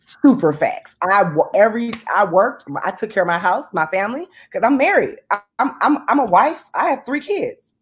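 A woman in her thirties on a video call from home, talking in an animated, emphatic way about money and business. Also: medium pitch, moderate pace, husky. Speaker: guest, business owner. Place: home room indoors. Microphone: video call webcam.

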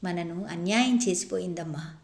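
A woman's voice: on the low side, normal speed, creaky, darkish tone. A woman voicing a bewildered, grieving old grandfather who speaks pleadingly and with heavy emphasis, in a storybook reading with an echoey room sound. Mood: grief-stricken.

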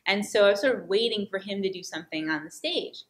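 A woman from the United States, a former volunteer teacher, tells a personal story with an expressive, animated delivery. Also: medium pitch, quick pace. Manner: expressive, animated delivery that acts out quoted lines. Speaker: returned Peace Corps volunteer, former teacher.

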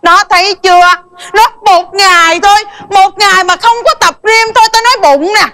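A woman's voice: very high voice, sharp tone, full character voice. An actress playing a bossy, scheming wife who nags her singer husband in a stage comedy sketch. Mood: nagging. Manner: nagging, fast and exclamatory. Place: television studio stage.

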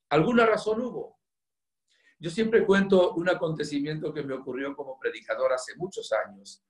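A man preaching in an earnest, storytelling way, his voice pitched a little high for a man. He swings between loud emphasis and soft, hushed moments. The sound rings with a roomy echo. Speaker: priest. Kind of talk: storytelling sermon.

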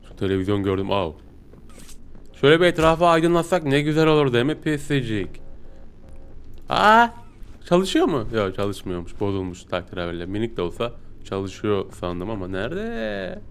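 A man's voice: medium pitch, normal speed, clear, resonant tone. A man giving casual let's-play commentary, chatting to viewers and yelping when startled. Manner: excitable, yelps and squeals when startled; chatty, keeps talking to viewers as "pisicik". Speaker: gaming video host.

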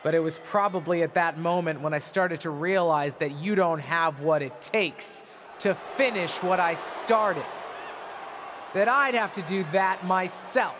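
An actress playing a bitter, proud middle-aged wrestling legend in a video game, delivering a taunting, theatrical wrestling promo. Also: female voice, lowish voice, unhurried, close to an everyday voice. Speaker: returning wrestler, former champion and manager. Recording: arena ambience noise behind voice.

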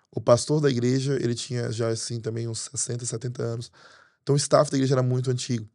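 A Brazilian pastor in his thirties talks fast in a podcast studio, spilling stories with animated gestures. His voice is mellow and dark, and stays even and level in pitch. The sound is dry and close to the desk microphone. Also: no echo. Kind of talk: podcast interview. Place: studio with green curtains. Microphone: desk mic on arm.

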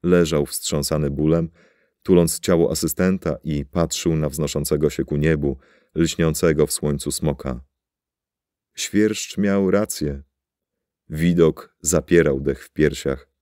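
Deep, dark-voiced male narrator. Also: steady tone, measured pace, dry recording, studio quality. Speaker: audiobook narrator. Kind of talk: scripted narration.

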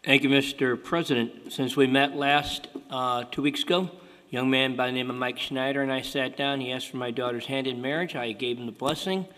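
A man's voice: medium pitch, fairly even intonation, brisk, pushed and bright. A man makes casual, good-humored remarks as a council member. His voice sits mid-range for a man. The council chamber gives it a long reverb. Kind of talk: meeting remarks.

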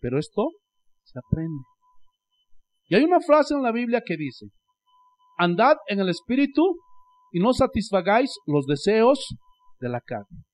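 Lively high-voiced Bolivian pastor preaching. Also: male voice, unhurried, pauses often. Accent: Bolivian Spanish. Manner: preaching with dramatic swings between loud exclamations and hushed asides; repeats "Gloria a Dios" as a refrain. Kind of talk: sermon.

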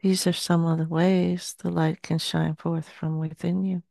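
A woman in her sixties trance channeling as a seance medium, speaking solemnly and slowly with long pauses. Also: lowish voice, level tone, creaky, warm tone, no room sound, clean studio sound. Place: small dim indoor room. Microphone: headset.

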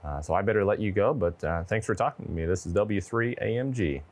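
This presenter, a man in his 20s, shows off ham radio equipment in a relaxed demo and talks on a handheld radio, recorded on a lapel mic indoors in a studio with wood paneling behind him. He speaks a little fast in a lowish voice, with slight background noise audible.

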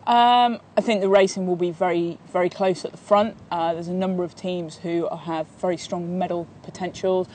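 A woman in her thirties answers questions as a sailing coach, recorded on a lapel mic in a sunny park. Her voice stays flat and even, with plenty of fillers and restarts. Faint outdoor noise sits underneath. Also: on the low side, normal speed, hardly any pauses. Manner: steady, even delivery with many fillers and restarts. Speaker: sailing coach and training partner. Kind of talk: outdoor interview.

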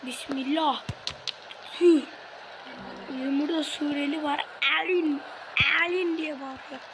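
A young woman casually commenting on her own football video game play, now and then shouting at the game as it happens. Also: high-pitched, steady tone, a little slow, noisy background. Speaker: gaming video host.

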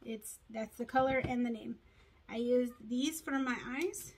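Unhurried and a little high-pitched, this woman talks her way through a makeup tutorial as a beauty vlogger. She rambles, mutters to herself and makes self-deprecating jokes, with slight background noise.

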